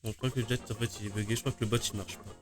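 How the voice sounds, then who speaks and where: A man's voice: fairly low pitch, steady tone, racing, faint music behind. A man streaming a game, chatting casually and joking with his viewers. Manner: chatty, self-mocking.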